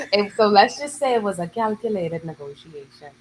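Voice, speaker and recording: A Bahamian woman in her thirties, a guest musician, chatting in an interview and telling her stories in lively local slang. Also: mid-range voice, normal speed, slight background noise, low-quality recording. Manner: animated storytelling, lively dialect slang. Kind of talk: casual interview chat.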